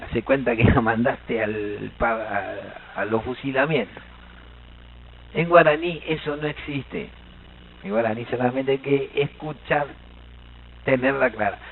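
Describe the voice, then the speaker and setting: Animated Argentine man lecturing, gravelly. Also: mid-range voice, measured pace, phone-quality sound, a little hiss or hum. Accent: Argentine Spanish. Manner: animated, joking, quizzes the audience. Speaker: Guaraní language teacher at a seminar. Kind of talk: lively seminar lecture. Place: seminar hall.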